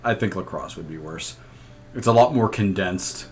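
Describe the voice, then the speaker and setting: A young man co-hosting a casual podcast, talking in a relaxed, hesitant way with many ums. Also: sits low, moderate pace, faint music behind. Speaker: podcast co-host. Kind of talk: casual chat.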